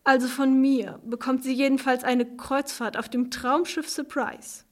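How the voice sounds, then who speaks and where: Smug bragging man in a storybook, slow mocking drawl, slightly raised pitch, read by a woman. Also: steady tone. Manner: mocking, drawn-out. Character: smug, boastful man, condescending.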